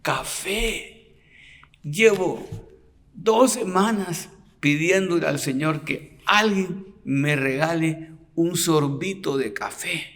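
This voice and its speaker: A man's voice: fairly high pitch, takes it slowly, fairly bright tone, voice pushed up. A man, a priest, voicing a homeless woman who longs for a cup of coffee. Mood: yearning. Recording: long reverb of a large hall.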